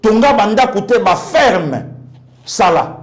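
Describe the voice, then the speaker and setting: Speaking as a guest pastor with a Congolese accent, a man delivers impassioned political commentary, emphatic, repeating phrases and posing rhetorical questions. His voice is high-pitched, very animated, and slow.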